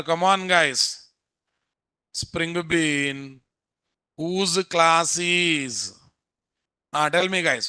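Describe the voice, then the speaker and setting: Bright-voiced Telugu-accented Indian man teaching. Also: fairly high pitch, clean tone, no room sound. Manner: repetitive, quizzing listeners with constant questions. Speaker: programming instructor. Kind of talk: live technical lecture.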